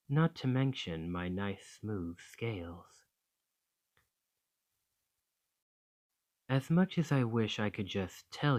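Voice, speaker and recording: In an ASMR romantic roleplay, a man with a low voice plays an affectionate, slightly possessive dragon boyfriend. He speaks tenderly and reassuringly in a soothing, loving mood.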